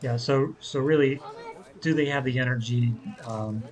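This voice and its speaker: At a ballpark with a crowd in the background, a native English-speaking man talks as a coach while commentating an amateur baseball game. His mid-range voice moves at a moderate pace, relaxed and rambling, full of fillers.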